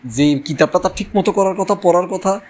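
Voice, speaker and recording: A male preacher with a slightly high voice speaks in a relaxed, conversational way. He keeps putting rhetorical questions to his listeners and slips English words into his talk. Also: fairly quick. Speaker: Islamic preacher. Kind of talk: religious talk.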